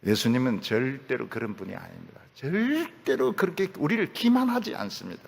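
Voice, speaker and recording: A man's voice: big pitch swings, brisk, creaky, breathy edge, long reverb tail. A male pastor preaching a sermon in a dramatic manner, acting out quoted voices. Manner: dramatic, acts out quoted voices with big pitch swings. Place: church sanctuary.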